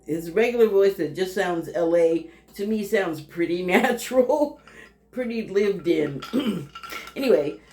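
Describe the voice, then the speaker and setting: A woman's voice: lowish voice, dark tone, a little hiss or hum. A woman giving a casual, rambling TV review monologue, laughing often and trailing off into fillers. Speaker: TV critic. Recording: roomy echo.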